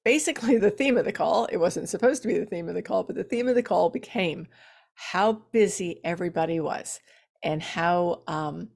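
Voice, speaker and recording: A middle-aged woman, a fitness coach, talking casually to viewers on a live stream with fillers and soft laughs, her voice slightly worn. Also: lowish voice, normal speed, creaky. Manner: chatty, warm-up small talk with fillers and soft laughs. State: losing her voice.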